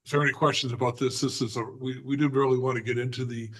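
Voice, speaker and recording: A man presenting a plan at a zoning hearing, hoarse and halting, with many fillers and frequent throat clearing. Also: mid-range voice, steady tone, a bit bright, low-quality recording. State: hoarse, losing his voice. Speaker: applicant's representative. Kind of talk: presenting at a remote board hearing.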